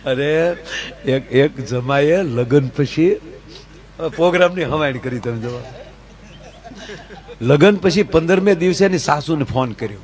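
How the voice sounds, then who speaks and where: A man telling folk stories with humor, chatty and jokey, speaking directly to his audience. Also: a little high. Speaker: folk storyteller.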